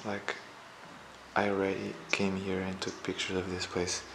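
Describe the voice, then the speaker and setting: A man quietly commenting as he explores a dark abandoned house, half-whispering at times, recorded on a handheld camera. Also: low voice, monotone, moderate pace, gravelly, noisy background. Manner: hushed, half-whispered remarks. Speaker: urban explorer.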